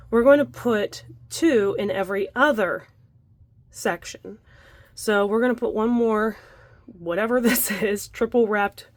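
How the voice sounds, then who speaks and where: A woman's voice: medium pitch, dry recording. A young adult woman leading a casual crochet tutorial at home, chatty and laughing often, breathing heavily from the effort. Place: home room by a window.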